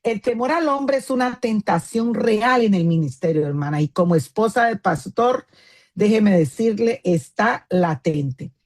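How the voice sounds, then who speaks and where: A woman's voice: mid-range voice, animated, unhurried, darkish tone. A woman, a pastor's wife, giving an earnest teaching talk to other women in a firm tone that can sound scolding, with many fillers and "isn't that right?" asides.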